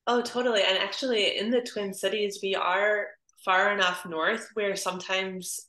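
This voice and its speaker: A woman's voice: mid-range voice, fairly even intonation, normal speed, sharp tone. A woman from Illinois asking a speaker questions, talking politely and hesitantly with many fillers. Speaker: audience member asking questions. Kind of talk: casual conversation. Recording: roomy echo.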